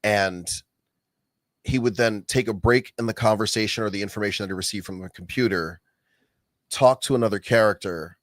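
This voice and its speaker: A man's voice: lowish voice, moderate pace, no echo. A man co-hosting a podcast, chatting in a playful, jokey way and acting out other people in his stories. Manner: playful, jokey, animated storyteller who acts out people. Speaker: podcast co-host. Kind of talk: casual chat.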